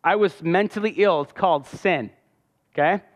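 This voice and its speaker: A pastor gives a sermon testimony in a church hall, telling his story with passion in a high-pitched voice at a moderate pace. The recording is dull, with long reverb from the hall.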